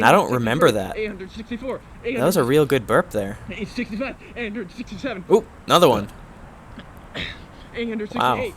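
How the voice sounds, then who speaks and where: Rambling man narrating his vlog. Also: medium pitch. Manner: rambling, filler-heavy, self-mocking. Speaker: vlogger. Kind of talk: casual voice-over commentary.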